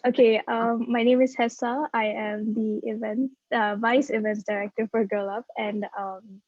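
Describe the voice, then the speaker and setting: A woman's voice: on the high side, level tone, normal speed, dry recording. A nineteen-year-old woman introducing herself on a video call, flustered and giggly. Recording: muffled lo-fi call audio.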